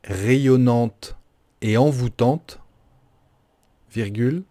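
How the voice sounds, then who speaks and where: A mellow-voiced man dictating at an extremely slow pace. He articulates carefully, breaks sentences into short phrases and says the punctuation aloud like a teacher. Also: mid-range voice. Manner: deliberate, carefully articulated, repeating each phrase.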